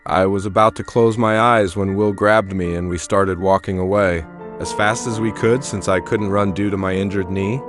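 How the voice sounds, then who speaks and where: A man narrating a first-person horror story in a steady, plain recounting manner. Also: low voice, normal speed, faint music behind.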